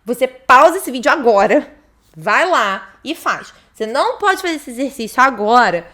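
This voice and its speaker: A young woman teaching an online test-prep lesson, animated and chatty, often laughing and speaking directly to her viewers. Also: sits high.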